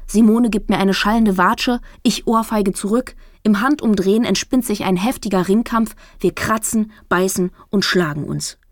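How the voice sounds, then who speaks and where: A woman narrating a first-person novel as an audiobook, wry and lively. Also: mid-range voice, normal speed, few pauses, no room sound, clean studio sound.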